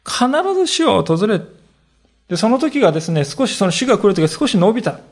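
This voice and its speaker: A man preaching a sermon as a pastor, telling the story with earnest, animated delivery. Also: high voice, brisk.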